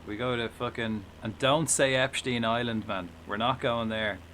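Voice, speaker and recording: Irish male game streamer, mid-pitched, loose sweary live commentary, engine ambience behind the voice. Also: steady tone, normal speed, sharp tone, slight background noise, poor audio. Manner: sweary, rambling, chatting back to viewers. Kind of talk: casual live gaming commentary while playing a flight simulator.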